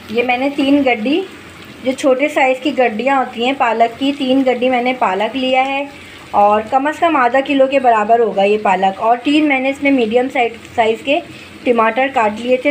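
In her kitchen, a cooking channel host narrates a home cooking tutorial in a slightly high voice, recorded on a phone held over the stove. She guides her viewers step by step in a homely, instructive style. Frying sizzles loudly and a pot is being stirred behind her.

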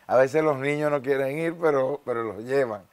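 A man's voice: mid-range voice, normal speed, smooth. Young male faith TV host. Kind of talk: faith TV interview. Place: TV studio set. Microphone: lapel.

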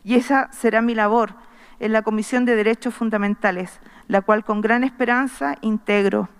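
A middle-aged woman reads an earnest, measured formal speech from notes at a podium microphone in a large wood-panelled assembly hall. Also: a little high, fairly even intonation, smooth. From Chile. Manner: earnest, measured, reading from notes with small restarts. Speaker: constitutional convention member. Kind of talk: formal speech read from paper. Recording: long reverb of a large hall.

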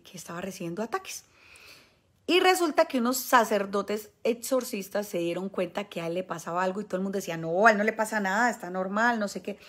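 A Colombian woman, a spiritual healer, speaking emphatically to her viewers. She stresses points by repeating words. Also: medium pitch. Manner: acts out the people she quotes. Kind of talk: monologue addressed to viewers.

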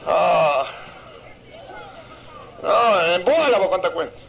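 A man's voice: high-pitched, lively intonation, slow pace, vocal fry, fairly bright tone, a faint crowd, slight background noise, poor audio. A man from Santiago del Estero with a Santiagueño Argentine accent, telling crude jokes outdoors as a stand-up comedian and laughing at his own punchlines. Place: outdoors on a seaside promenade.

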